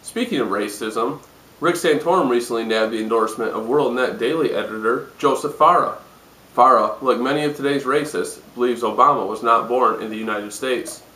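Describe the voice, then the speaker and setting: A man playing a hungover, sardonic news anchor in a parody newscast, with a deadpan, jaded delivery. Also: mid-range voice, a little fast, lightly acted. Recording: roomy echo, distant microphone.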